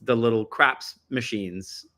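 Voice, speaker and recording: A man's voice: medium pitch, slow pace, pushed and bright. A middle-aged man from Denmark, a musician guest chatting casually in an interview, rambling and correcting himself as he goes. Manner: rambling, self-correcting storyteller.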